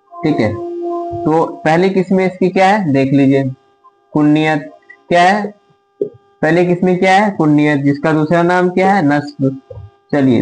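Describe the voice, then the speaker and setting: A man teaching an online grammar lesson, asking questions and answering them himself, repeating the items slowly as he writes them out. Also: a little high, darkish tone, low-quality recording. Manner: drills by asking and answering his own questions.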